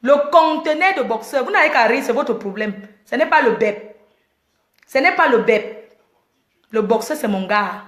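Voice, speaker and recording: A woman with a high-pitched voice delivers a defiant livestream rant to her followers. She sounds boastful and keeps firing taunting questions back at them. The room around her is roomy and echoey. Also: lively intonation, moderate pace, pauses often, fairly bright tone. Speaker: social media personality. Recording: roomy echo.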